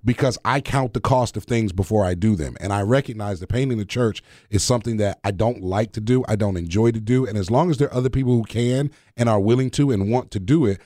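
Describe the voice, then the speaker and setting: Low-voiced man chatting on a podcast. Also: fast talker, hardly any pauses, dark tone, dry recording, clean studio sound. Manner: conversational, storytelling, quotes scripture. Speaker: podcast co-host.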